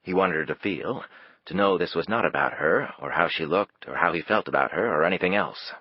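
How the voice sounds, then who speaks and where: Low, husky male narrator, measured scripted reading, dry and muffled recording. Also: no room sound. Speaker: audiobook narrator. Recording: dull, dry, lo-fi.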